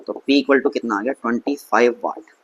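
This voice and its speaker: A man teaching a science lesson in a relaxed, chatty way, asking questions aloud and answering them himself, and reading English lines slowly. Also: medium pitch, breathy edge, muffled recording. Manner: conversational, asks and answers his own questions; mixes English terms and reads English text slowly. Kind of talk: casual Hindi science lesson.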